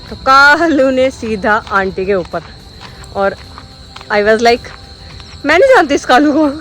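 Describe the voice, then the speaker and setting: A woman's voice: medium pitch, a bit bright. A woman chatting casually as a vlogger on an outdoor walk, talking sweetly to her dogs now and then. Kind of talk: casual vlog chat.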